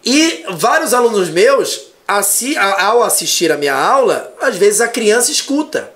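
A man who teaches, a guest in a casual live chat, telling stories in an animated way and swearing often. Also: sits high, measured pace.

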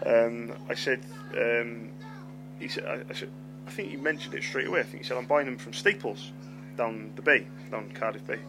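In a storytelling monologue with poor audio and loud music underneath, a middle-aged host speaks at normal speed in a medium pitch. His delivery includes a lisp, a stammer, open swearing, and repeated words.

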